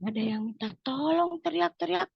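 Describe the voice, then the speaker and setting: Animated female children's storyteller. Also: medium pitch, moderate pace, breathy edge, dry recording, dull audio. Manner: animated, addresses the children directly.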